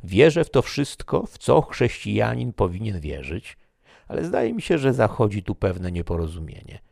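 A man doing a lively jovial young nobleman. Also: fairly low pitch, normal speed, gravelly, no room sound, studio quality, voice pushed up, full character voice. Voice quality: animated, exclamatory. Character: jovial, talkative young male nobleman, easily moved. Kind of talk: audiobook character reading.

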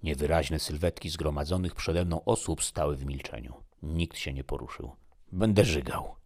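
A man reading a first-person story aloud in a measured, subdued way. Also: extremely low pitch, steady tone, darkish tone. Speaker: narrator.

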